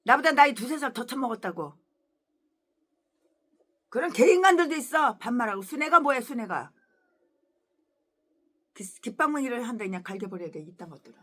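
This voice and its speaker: A woman pastor preaching a sermon in a fiery, scolding way, full of crude insults, moving between quiet asides and shouts. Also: a little high, lively intonation, fairly quick, long pauses. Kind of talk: expository sermon.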